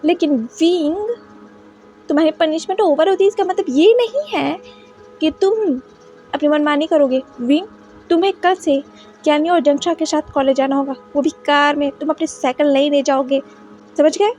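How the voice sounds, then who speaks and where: A strict middle-aged mother lays down the rules in clipped, stern sentences, as a woman voices her. The voice is high but pulled down into a firmer register. Soft music plays faintly behind this storybook reading. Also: normal speed, close to an everyday voice.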